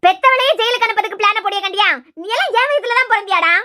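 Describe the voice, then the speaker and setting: A woman with a Kanyakumari Tamil accent voicing a quick-tempered mother who scolds loudly in a cartoon series. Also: very high-pitched. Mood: scolding. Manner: loud, sharp, scolding. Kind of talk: cartoon web series dialogue.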